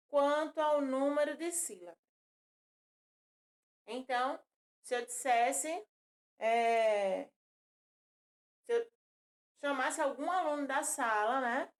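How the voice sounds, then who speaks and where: A woman teaching a children's lesson, patiently repeating words and counting syllables aloud. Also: sits high. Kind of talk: recorded classroom lesson for children.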